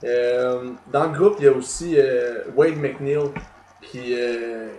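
A man's voice: medium pitch, slow pace, warm tone, a little hiss or hum. Hesitant Quebec man, echoey room. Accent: Quebec French. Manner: hesitant, many fillers and restarts. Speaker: podcast co-host and musician. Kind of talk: casual chat. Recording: roomy echo with faint music.

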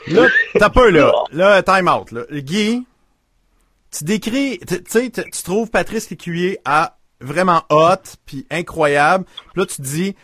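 A man's voice: high-pitched, animated, slow, fairly bright tone, no echo. Teasing man, dry sound. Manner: teasing, jokingly calls out the speaker. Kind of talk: casual podcast chat.

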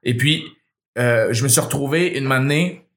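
A man's voice: medium pitch, moderate pace. A man with a Québécois accent, a comedian telling a story on a podcast with lots of swearing. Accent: Québécois French. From Quebec. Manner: animated, profane storyteller. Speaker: comedian guest.

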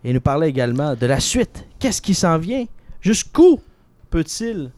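A male radio host moves briskly through his show and keeps a friendly tone. His voice sits a little high. The sound is close and dry. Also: very animated, darkish tone, no echo.

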